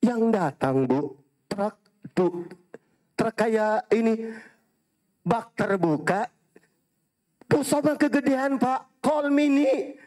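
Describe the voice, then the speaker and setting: Animated high-voiced preacher. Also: male voice, slow pace, long pauses. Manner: animated storytelling, quoting Arabic phrases, addressing audience as Pak, Bu. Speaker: Islamic preacher and hajj guide. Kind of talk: sermon with anecdotes.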